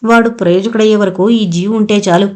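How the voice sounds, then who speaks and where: A woman voicing a frail, ailing older mother who speaks softly and tenderly, in a storybook reading. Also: mid-range voice, fairly even intonation, brisk, close to an everyday voice. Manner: soft, tired and tender.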